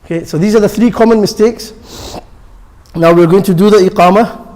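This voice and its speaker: A man with a high-pitched voice leads a pronunciation lesson for the call to prayer. He speaks patiently, repeating each point and demonstrating the sounds himself. His voice carries a long reverb from a large hall. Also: fairly quick, darkish tone. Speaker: instructor teaching the call to prayer. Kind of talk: classroom instruction. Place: mosque hall.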